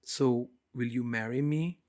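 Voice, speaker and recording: A man voicing a tender young man speaking softly and unhurriedly to the woman he loves, slipping in English phrases. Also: medium pitch, slow, lightly acted.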